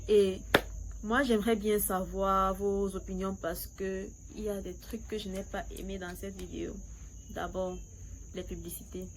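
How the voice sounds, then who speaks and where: Casting: woman reviewer, French, mid pitch, casual and chatty, some hesitation, faint background noise. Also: level tone, normal speed. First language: not French; fluent in English. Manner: foreign-accented French, hesitant, switches into English. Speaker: YouTube series reviewer. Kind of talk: casual chatty opinion recap.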